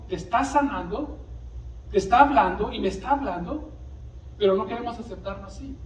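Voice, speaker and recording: A man's voice: high-pitched, a little hiss or hum. A man preaching a sermon and tossing frequent questions to the congregation. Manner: preaches with call-and-response asides. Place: church sanctuary. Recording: echoey distant church recording.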